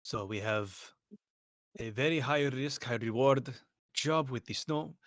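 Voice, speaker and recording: A man's voice: mid-range voice, measured pace, a bit bright, dry recording, clean studio sound. Hesitant man player at a game table. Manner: hesitant, trails off while thinking. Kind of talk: casual tabletop game chat.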